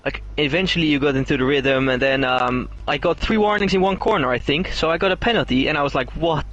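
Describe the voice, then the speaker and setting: A man's voice: on the high side, quick pace, a bit bright, muffled recording. A man talking through his race win in a casual post-race interview, loose and laid-back with plenty of filler. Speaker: winning driver being interviewed.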